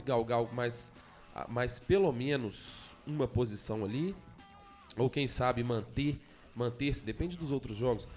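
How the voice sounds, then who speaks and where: A man gives an informal football preview over faint music. His voice is medium in pitch. He stumbles and repeats phrases to drive his point home. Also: a little mellow. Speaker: football team commentator. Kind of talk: informal match preview commentary.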